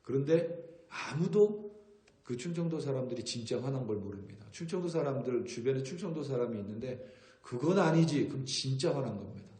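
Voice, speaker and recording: A man preaching an early-morning sermon as a pastor, earnest and growing forceful when he reads scripture aloud. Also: mid-range voice, animated, fast, echoey room. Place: church sanctuary.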